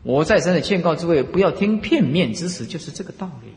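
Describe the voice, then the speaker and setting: A man's voice: fairly high pitch, expressive, fast talker, a little mellow, in a large hall. A man, a Buddhist monk giving an emphatic dharma lecture full of rhetorical questions.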